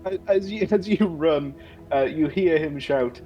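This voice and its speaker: A man running a tabletop game, his voice sitting a little high as he narrates scenes and asks for dice rolls. Soft music sits under the table talk. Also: measured pace, muffled recording. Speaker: game master.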